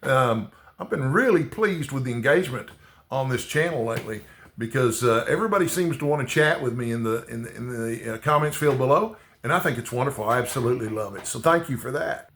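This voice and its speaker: Rambling casually to camera, a booktuber with a light Texan accent keeps adding "okay?" and restarting his sentences in a halting way. He sounds mid-range, expressive, and a bit bright, recorded with reverb and slight background noise.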